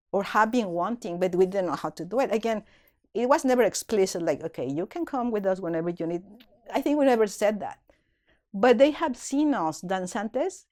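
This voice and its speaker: Middle-aged woman, podcast guest, earnest, emotional, reflective storytelling, mid pitch. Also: darkish tone. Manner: earnest, emotional, with frequent restarts. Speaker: podcast guest, community leader and dance teacher.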